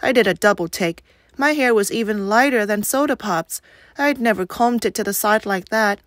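A woman, a teacher, reading a novel aloud in a steady, even narration. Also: mid-range voice, moderate pace, no echo, studio quality.

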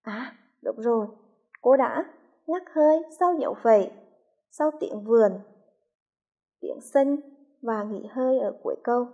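Patient teacher woman with a soft husky voice. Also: fairly high pitch, highs cut off. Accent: Vietnamese, from Hue. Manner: slow, clearly articulated, patient. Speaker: primary school teacher. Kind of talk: reading lesson for young children.

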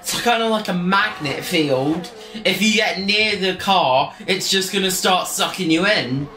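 A man's voice: high voice, unhurried, pushed and bright. A man giving chatty, joking, off-the-cuff live commentary on a sim race from his home streaming setup. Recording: roomy echo, faint music behind.

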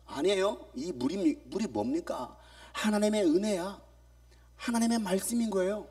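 A male pastor preaching to a youth gathering, swinging from shouts to hushed asides and firing questions at the congregation. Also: sits high, normal speed, far from the mic. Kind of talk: sermon. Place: church youth meeting hall.

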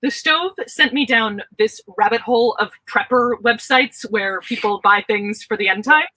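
An easygoing woman explains things over a laptop mic, her voice bright with a husky edge. The sound is close and dry. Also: fairly high pitch, normal speed, no room sound, poor audio. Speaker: author co-hosting a book event. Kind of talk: casual chat.

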